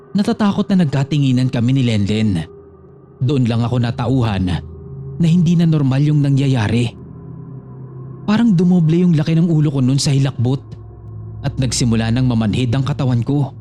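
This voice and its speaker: Mellow-voiced male horror narrator. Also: medium pitch, a little hiss or hum. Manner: storytelling, reads a listener's letter addressed to the host.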